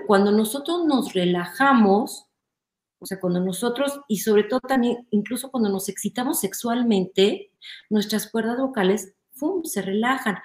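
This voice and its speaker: A woman with a Mexican accent talks in a lively, explanatory way as an interview guest, often checking in with "¿no?". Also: medium pitch. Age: adult, a mother. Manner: animated, explanatory, often asks "¿no?". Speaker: guest, image consultant. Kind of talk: conversational interview. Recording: roomy echo.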